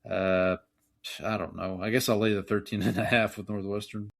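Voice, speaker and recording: A man's voice: on the low side, flat delivery, moderate pace, vocal fry. A man co-hosting a podcast in casual sports-betting chat, wryly running through matchups and point spreads. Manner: wry, reads matchups and spreads plainly. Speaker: podcast co-host.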